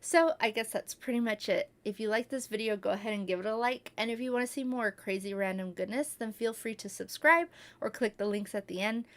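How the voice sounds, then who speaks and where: Soft-spoken woman chatting to camera. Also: a little high, brisk. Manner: soft-spoken, rambling with many fillers. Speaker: YouTube creator. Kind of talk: casual talk to camera.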